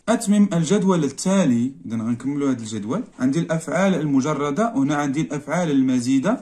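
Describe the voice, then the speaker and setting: A man with a Moroccan accent, teaching a grammar lesson and working through exercises step by step, often repeating single words slowly to stress them. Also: fairly high pitch, a little mellow. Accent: Moroccan Arabic. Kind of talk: classroom lesson walkthrough.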